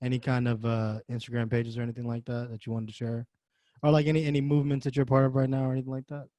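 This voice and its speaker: A man's voice: mid-range voice, little pitch movement, racing, warm tone. A young man from the United States, co-hosting a casual podcast, joking and chatty. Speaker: podcast co-host.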